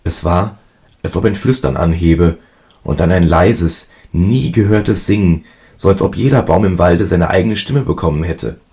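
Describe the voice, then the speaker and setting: A man reading a fairy tale aloud in a calm, even storytelling manner. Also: deep voice, moderate pace.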